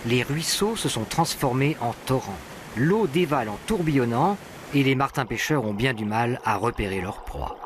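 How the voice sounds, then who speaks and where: A man's voice: mid-range voice, lively intonation, normal speed, noisy background. A man reading scripted narration for a nature documentary. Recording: animal and bird sounds behind. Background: birdsong and natural ambience.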